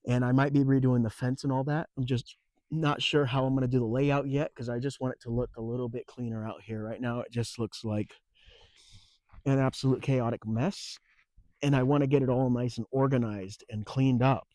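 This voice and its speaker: A man's voice: mid-range voice, moderate pace, dry recording. A man with the hiccups gives a rambling, casual vlog walkthrough of repairs around his off-grid camper. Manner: rambling and relaxed, with fillers and restarts. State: has the hiccups. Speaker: off-grid homesteading vlogger. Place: outdoors and inside a camper on a rural off-grid homestead.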